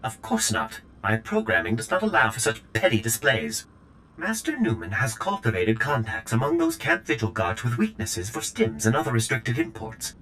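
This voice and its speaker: An actor playing a prim, fussy male servant droid in a video game, with a polished, too-smooth android delivery. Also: fairly low pitch, expressive, normal speed, sharp tone, faint music behind, poor audio. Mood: brisk. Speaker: game character.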